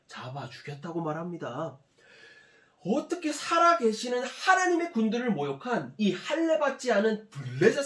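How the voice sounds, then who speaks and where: A male preacher tells a Bible story with a high voice that rises and falls very freely. He keeps asking his listeners questions as he goes. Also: fairly bright tone. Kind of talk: storytelling sermon for young listeners.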